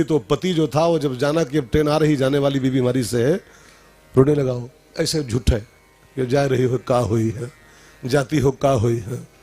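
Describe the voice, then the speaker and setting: A man telling a devotional katha, full of jokes and quick "haan?" prompts to his listeners. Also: medium pitch, darkish tone. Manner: folksy, jokey storytelling with frequent "haan?" prompts to the audience. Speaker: kathavachak, religious storyteller. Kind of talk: devotional katha sermon with jokes and sung verses.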